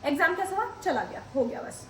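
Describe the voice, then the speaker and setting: High-voiced chatty woman vlogging at home. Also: animated, fairly quick. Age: 40s. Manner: chatty, scolding and teasing a child. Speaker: family vlogger. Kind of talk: casual home vlog narration.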